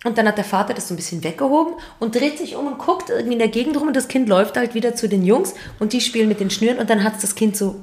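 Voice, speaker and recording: A woman, chatting casually and telling lively anecdotes, acting out the people in them. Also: on the high side, very fast, few pauses. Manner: lively, animated, acts out quoted people in anecdotes. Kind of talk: casual chat, storytelling.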